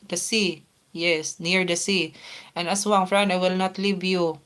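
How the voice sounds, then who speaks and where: A woman's voice: lowish voice, fairly even intonation, measured pace, fairly bright tone, clean tone. A woman from the Philippines with a Filipino accent, hosting a casual live stream, reading viewers' comments aloud and answering them with many "ano" fillers. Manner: chatty, reads names and questions aloud, many "ano" fillers. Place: outdoors in Spain near the sea.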